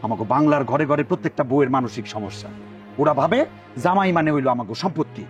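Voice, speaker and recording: An actor playing a scheming husband who takes a second wife, talking in a lively dialect-heavy way. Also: male voice, fairly high pitch, soft background music, close to an everyday voice. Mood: lecturing. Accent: Bangladeshi Bangla dialect. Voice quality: animated, lively, fast talker. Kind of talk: comic TV drama.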